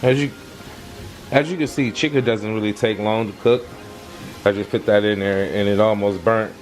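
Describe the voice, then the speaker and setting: A man with a fairly low, steady voice speaks at normal speed while casually guiding viewers through home cooking in his kitchen, over background music. He wanders a bit in his talk, repeats things and keeps asking his audience questions. The recording is rough.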